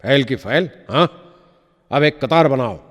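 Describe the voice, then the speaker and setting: A man voicing a gruff, bullying male railway ticket inspector who barks orders, in a recording with a long reverb. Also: mid-range voice, expressive, measured pace, fairly bright tone. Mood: bossy. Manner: barking orders.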